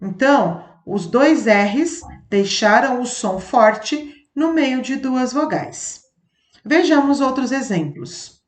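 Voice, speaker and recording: Woman teacher, slightly high voice, very slow, over-enunciated example words, roomy echo. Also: animated. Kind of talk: slow classroom phonics lesson. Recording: echoey room.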